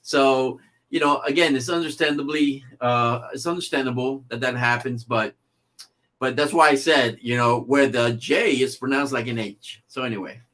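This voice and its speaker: A male livestream host chatting casually to his viewers. His voice sits at an ordinary middle pitch, and he rambles through thoughts with frequent fillers and self-corrections. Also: moderate pace, a bit bright. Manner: rambling, many fillers and restarts.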